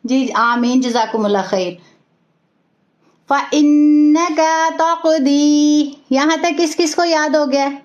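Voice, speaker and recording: A woman teaching Quran recitation in an online class, explaining patiently step by step and slowing down to model the sounds. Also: high voice, animated. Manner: greets and praises students by name. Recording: echoey, dull lo-fi room sound.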